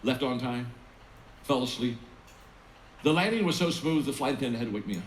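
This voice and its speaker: A man's voice: mid-range voice, animated, fairly quick, close to an everyday voice. A man doing a gushing traveling businessman. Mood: elated. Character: excited male businessman back from a trip. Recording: echoey room with faint hum.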